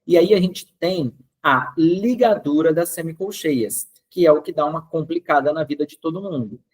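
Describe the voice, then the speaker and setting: A man teaching a music theory lesson, explaining step by step and chanting rhythm syllables to a steady beat. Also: on the high side, normal speed, slightly rough.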